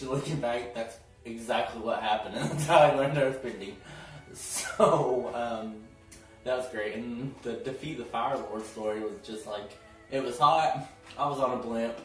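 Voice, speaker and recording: A man's voice: mid-range voice, far from the mic. A man giving a casual, chatty episode recap, often laughing and acting out what characters said. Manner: chatty, giggly, acts out characters' lines. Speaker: TV episode reviewer. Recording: very echoey room, voice off-mic, faint music.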